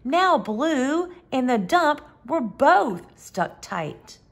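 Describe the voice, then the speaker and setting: A woman reads a picture book for young children in a high, lively voice. Her pace is very slow, and she stretches words expressively as a storytime host. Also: gravelly. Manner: expressive, with emphatic animal sounds and drawn-out words.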